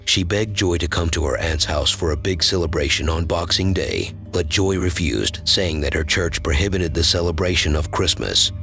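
A man narrating a true-crime documentary from a script in an even, solemn way. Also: sits low, gravelly.

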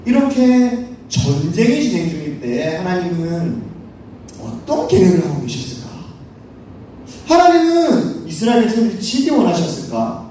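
High-voiced animated preacher, echoey hall. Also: male voice, moderate pace, recorded from a distance, slight background noise. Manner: animated, playful storytelling with sound effects. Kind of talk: children's storytelling sermon. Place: church hall.

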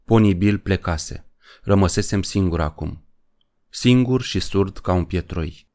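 Man, very deep voice, audiobook narration, measured and even.

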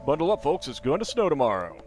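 A man's voice: on the high side, huge pitch swings, fast talker, a little mellow, soft background music. A man voicing an upbeat television weather announcer from a video game. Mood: upbeat, announcing.

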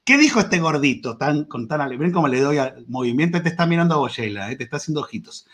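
A man lectures teachers over a video call in an animated, playful way. His voice sits fairly high and stays expressive. He talks from a room at home. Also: quick pace. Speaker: guest lecturer. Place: home room with green wall and lights.

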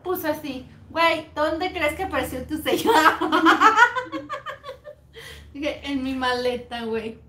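High-voiced, playful Mexican woman. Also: moderate pace, few pauses. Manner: laughs often, playful, teasing. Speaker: co-host. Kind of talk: casual chat. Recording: echoey room with faint noise.

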